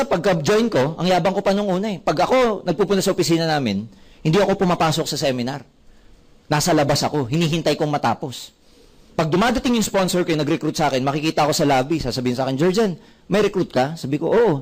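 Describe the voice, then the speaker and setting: A man with a Filipino accent giving a motivational seminar talk, animated and full of stories told with quoted dialogue. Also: a little high. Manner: animated, storytelling with quoted dialogue, mixing Tagalog and English. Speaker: network marketing speaker.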